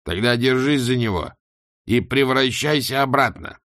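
A man reading an audiobook, voicing a very old dead male wizard who speaks calmly and matter-of-factly. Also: medium pitch, moderate pace, no echo, clean studio sound, pitched above the performer's own voice, natural voice. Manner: calm, matter-of-fact, gently ironic.

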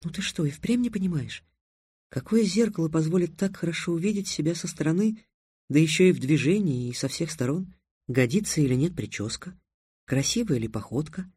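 A man voicing a teasing, practical young girl companion in a soft, quiet voice. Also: fairly high pitch, lively intonation, brisk, breathy edge, no echo, studio quality.

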